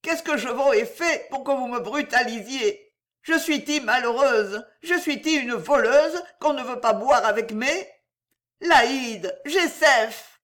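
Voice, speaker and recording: A woman's voice: medium pitch, very animated, normal speed, a bit bright. A woman voicing a drunk, crying woman who calls and pleads with slurred, whining words. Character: drunk weepy woman stuck on a staircase.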